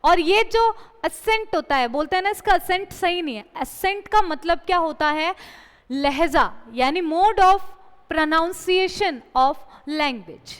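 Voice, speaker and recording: A woman teaching an exam-prep English lesson, explaining in Hindi, reading English example sentences slowly and asking the class questions she then answers herself. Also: extremely high pitch, lively intonation, big-room sound.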